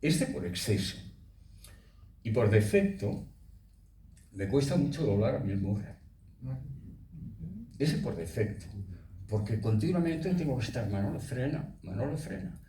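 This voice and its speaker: A man in his eighties, a voice actor telling stories at a festival talk in a relaxed way. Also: lowish voice, a little slow, pauses often, a little hiss or hum. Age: 80s. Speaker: voice actor guest. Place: festival hall. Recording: echoey hall, speaker far from mic.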